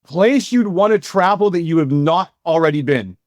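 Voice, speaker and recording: Male podcast host, upbeat interviewer, slightly high voice, dry sound. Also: lively intonation, moderate pace, no echo. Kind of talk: conversational interview.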